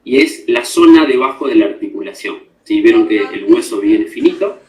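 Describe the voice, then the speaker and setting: A man's voice: on the low side, lively intonation, moderate pace, a little mellow. A man teaching a class, explaining step by step and often checking that students follow. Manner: explanatory, checks understanding with frequent tag questions. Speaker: instructor. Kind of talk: classroom lecture. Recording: echoey room.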